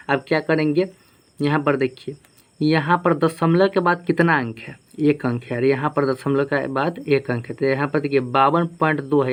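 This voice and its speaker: Man teaching a step-by-step math lesson. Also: medium pitch. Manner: explains step by step, often asks "ठीक है ना".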